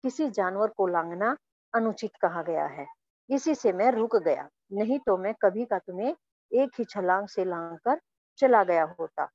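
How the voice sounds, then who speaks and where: A woman's voice: mid-range voice, lively intonation, measured pace, darkish tone, no room sound, muffled recording. A woman reading as a proud, angry warrior. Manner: stern, commanding reading.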